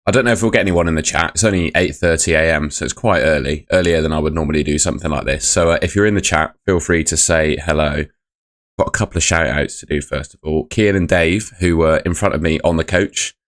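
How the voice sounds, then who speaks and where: A young man hosting a fan channel's informal live football review speaks at an extremely low pitch and a quick pace. His voice is croaky from shouting the night before, and he meanders chattily as he reads out the chat.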